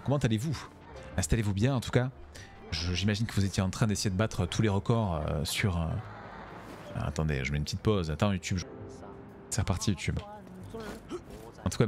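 A man's voice: low-pitched, fairly quick, long pauses, darkish tone, soft background music. A man casually commenting on a video game while streaming, chatty and jokey, thanking viewers by name. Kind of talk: casual let's-play commentary.

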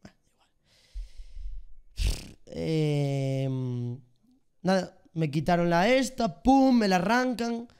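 High-voiced young Spanish man telling a story. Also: slow, pauses often, clear, resonant tone. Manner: animated, sound effects and slang. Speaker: streamer. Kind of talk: casual storytelling vlog.

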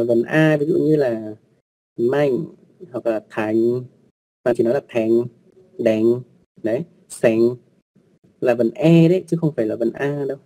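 With a husky, gravelly, dark tone in the mid range, a male online language teacher walks learners through the rules of writing. His delivery is slow and patient, full of repeated words, fillers, and polite asides.

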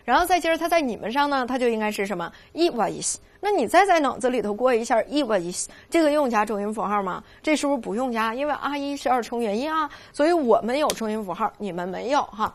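A woman teaching a Spanish grammar lesson, coaxing her students with constant questions and slowly drilling the verb forms. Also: fairly high pitch. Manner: lively, coaxing, full of rhetorical questions.

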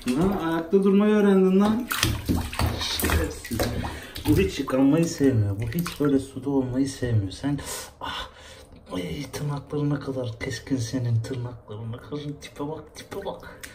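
A man's voice: medium pitch, moderate pace, noisy background. Chatty man in an echoey bathroom. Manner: chatty, coaxing and scolding his pets. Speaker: pet vlogger. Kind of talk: casual pet video chat. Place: bathroom at home, by a tub. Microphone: phone camera. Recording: echoey bathroom with running water. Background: water splashing in a tub.

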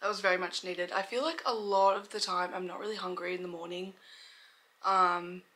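A woman's voice: on the low side, fairly even intonation, normal speed, pushed and bright. A woman, chatting casually to camera while she cooks, full of "like" and fillers. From Australia. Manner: chatty, filler-heavy with frequent "like". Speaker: vlogger. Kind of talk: casual vlog chat. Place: home kitchen, indoors. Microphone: camera mic, handheld or propped close. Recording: echoey kitchen with clear background noise.

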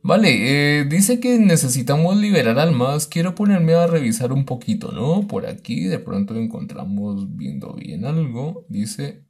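A man's voice: medium pitch, sing-song, unhurried, a little mellow, breathy edge. A man doing let's play commentary of a horror game, exclaiming and talking to the baby on screen. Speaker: gaming YouTuber.

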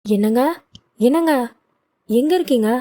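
A woman's voice: medium pitch, moderate pace, warm tone, close to an everyday voice. A woman voicing a worried middle-aged mother who fusses and scolds her grown son. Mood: excited. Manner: scolding, emotional.

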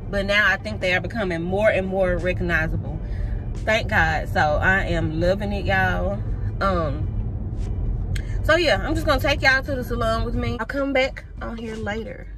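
A woman's voice: mid-range voice, moderate pace. A young adult woman with a Southern American accent chats casually and animatedly to her viewers, recorded on a phone inside a car. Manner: chatty, animated, addresses viewers directly. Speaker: vlogger. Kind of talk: casual vlog chat. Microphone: phone at arm's length. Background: music.

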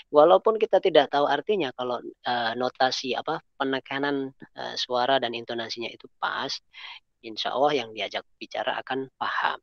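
A man's voice: medium pitch, no echo. Male English teacher, online lesson, encouraging, dry lo-fi call sound. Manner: encouraging, mixes English into explanations. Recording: dull lo-fi online call audio.

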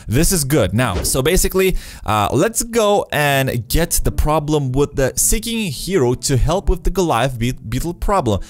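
A man's voice: fairly high pitch, big pitch swings, normal speed, hardly any pauses. A man in his twenties doing casual let's play commentary on a video game, speaking close to a desk microphone in a small room. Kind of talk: casual gameplay commentary, reading game dialogue aloud. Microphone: close desk microphone with headset. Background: game music.

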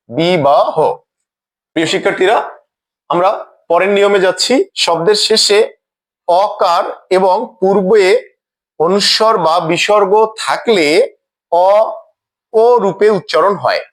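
Speaking slowly and deliberately, a man with a fairly high voice walks through a grammar lesson. He repeats every example word twice, sounding as though he is reading from a script.

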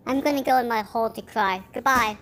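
A woman voicing an excitable magic unicorn girl who talks in wildly swinging, squealing outbursts. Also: fairly high pitch, fast, close to an everyday voice. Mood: upset.

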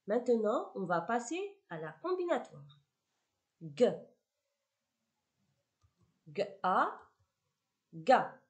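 A woman teaching a primary school phonics lesson, speaking slowly, clearly articulating each word twice and praising the children often. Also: mid-range voice, darkish tone. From Morocco.

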